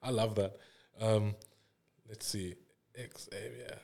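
A man's voice: lowish voice, fairly even intonation, takes it slowly, vocal fry, a little mellow, husky. A young South African man, a podcast guest, chatting in a laid-back way, laughing often and trailing off mid-sentence. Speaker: guest, illustrator and art director. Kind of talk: casual podcast chat.

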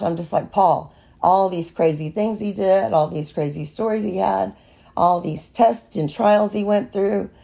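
Slow, earnest and unscripted, a podcast host offers a devotional monologue in a mid-range voice made raspy by allergies. The tone is mellow and gravelly, and as she encourages listeners she keeps circling back to begin her phrases again.

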